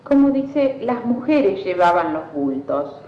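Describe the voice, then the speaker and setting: A woman's voice: fairly low pitch, very animated, slow. A woman, patiently asking set prompts in an elicitation interview. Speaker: linguistic fieldworker. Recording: echoey, dull old field recording with faint hiss.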